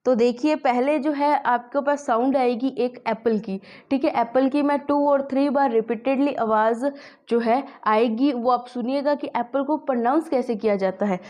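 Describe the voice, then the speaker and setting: A woman's voice: fairly high pitch, moderate pace, darkish tone. A woman teaching a spoken English lesson, asking the class questions and answering them herself.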